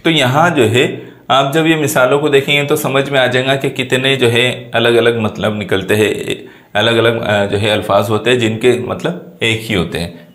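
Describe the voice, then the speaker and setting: Man teaching a lesson in an echoey room. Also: fairly bright tone. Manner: explanatory, rises in pitch to stress points. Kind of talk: classroom lesson.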